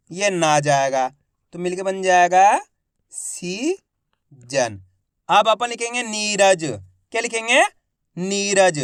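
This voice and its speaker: A man teaching Hindi reading in a slow phonics lesson, sounding out each syllable and then blending it into the word, asking the viewer questions and answering them himself. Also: high-pitched, fairly bright tone, smooth, no room sound, clean studio sound.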